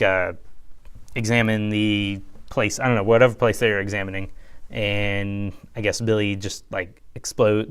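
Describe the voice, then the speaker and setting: A young man giving a casual solo review, rambling with lots of fillers and jumping up in pitch when he gets excited. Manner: chatty, rambling, lots of fillers like "you know" and "like". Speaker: YouTube reviewer.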